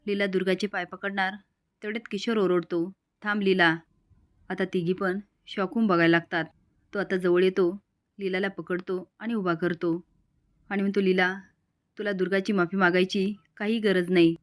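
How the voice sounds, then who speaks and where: A woman's voice: medium pitch, flat delivery, normal speed. A woman narrating a recap of a TV serial episode and reading out each character's quoted lines in turn.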